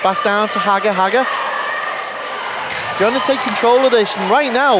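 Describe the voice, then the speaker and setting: A man's voice: high-pitched, moderate pace. A man giving live ice hockey play-by-play commentary, narrating the action in short clipped phrases. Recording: noisy arena with loud crowd behind. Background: loud crowd and rink noise.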